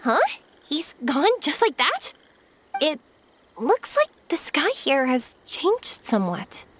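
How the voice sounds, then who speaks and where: A woman voicing a kind, earnest young woman in a video game, speaking gently. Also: sits high, sing-song, takes it slowly, slight background noise, exaggerated voice. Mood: gentle. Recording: music behind the voice.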